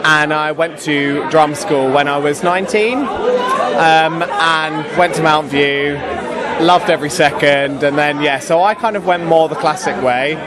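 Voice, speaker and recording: A man's voice: on the high side, a little slow, a loud crowd. A young British man, an actor, chatting casually and enthusiastically in an interview. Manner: enthusiastic, gushing. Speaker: pantomime actor and singer.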